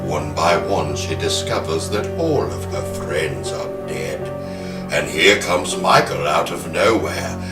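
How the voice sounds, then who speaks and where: With a slow bass voice, a man hosting a podcast tells a film plot in scripted narration and takes part in round-table film talk, using a dramatic storyteller's delivery. A roomy echo and faint music fill the recording.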